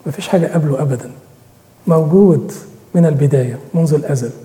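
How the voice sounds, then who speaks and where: Guy doing a calm young girl, egyptian accent, fast and echoey. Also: on the high side, natural voice. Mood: gentle, reassuring. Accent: Egyptian Arabic. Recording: echoey hall.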